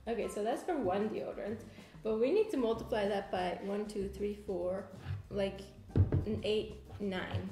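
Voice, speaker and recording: A woman's voice: mid-range voice, measured pace. A young woman hosting a casual vlog, chatting and laughing while making deodorant at a kitchen table, swearing now and then. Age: young adult. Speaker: vlog host. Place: home kitchen table, indoors. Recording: roomy home room with music.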